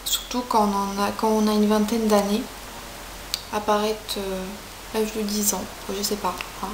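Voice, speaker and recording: A woman's voice: mid-range voice, little pitch movement, normal speed. Chatty young woman in an echoey room. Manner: chatty, hesitant, many fillers. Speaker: beauty vlogger. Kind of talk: casual product review. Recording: echoey room, faint hiss.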